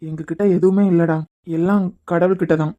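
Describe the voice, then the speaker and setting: A woman voicing a fast-talking grave young doctor. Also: fairly low pitch, fairly even intonation, dark tone, dull audio, close to an everyday voice. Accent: Kanyakumari Tamil. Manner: serious, explaining. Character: young male doctor friend, grave and calm.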